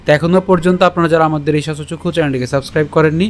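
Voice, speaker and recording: A man teaching Sanskrit verse pronunciation in an online lesson, breaking words into syllables slowly and checking with rhetorical questions. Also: on the high side, fairly even intonation, a little hiss or hum.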